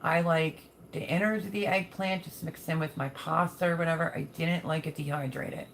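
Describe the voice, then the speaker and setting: A woman's voice: deep voice, fairly even intonation, normal speed, gravelly, slight background noise. A woman hosting a casual live chat, talking in a folksy, affectionate way as she reads and answers viewer comments. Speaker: livestream host.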